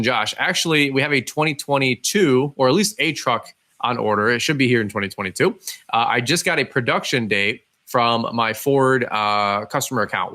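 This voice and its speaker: Bright-voiced man chatting on a live stream. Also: medium pitch. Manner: informal, addressing listeners directly. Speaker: podcast host. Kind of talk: casual live-stream chat. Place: live stream with a cat nearby.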